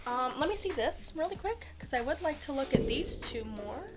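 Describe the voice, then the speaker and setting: A woman's voice: high voice, expressive, normal speed, loud music behind the voice. A congested woman streaming a mystery game, rambling with fillers and reading clues aloud. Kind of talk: casual chat and reading aloud.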